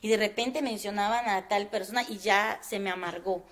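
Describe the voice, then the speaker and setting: A woman giving a personal faith testimony in an interview, speaking earnestly and haltingly with many fillers. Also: medium pitch, fairly even intonation, fairly bright tone.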